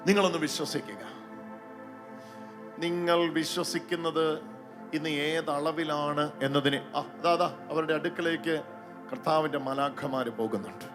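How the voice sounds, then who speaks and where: A man's voice: a little high, fairly even intonation, a little slow, long pauses, music in the background. A man preaching and praying aloud at a healing service in a large hall, calling out to the congregation in a fervent manner. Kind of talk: charismatic preaching and prayer.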